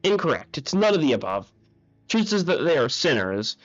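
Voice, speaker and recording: A man's voice: fairly high pitch, sing-song, normal speed, muffled recording, faint music behind. Man voicing a cold, condescending researcher. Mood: cold lecturing. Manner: formal, lecturing, patronizing. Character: cold condescending adult male researcher lecturer.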